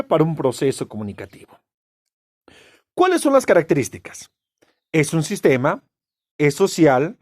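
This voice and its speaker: A man teaching a classroom lecture, asking rhetorical questions and answering them himself with emphatic, drawn-out stresses on key words. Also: a little high, no room sound, studio quality. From Peru.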